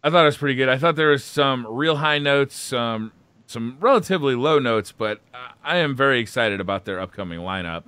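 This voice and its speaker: Co-host, man, bright sharp voice, dry close sound, eager rambling. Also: mid-range voice, lively intonation, a little fast, smooth, dry recording. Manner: enthusiastic, rambling with filler words. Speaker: podcast co-host. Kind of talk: casual gaming chat.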